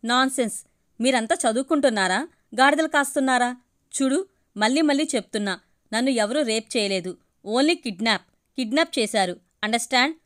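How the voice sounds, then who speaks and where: Woman reading as angry young student girl, fierce comebacks, kinda high voice. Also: expressive, brisk, lightly acted. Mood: furious. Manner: fierce, indignant retorts.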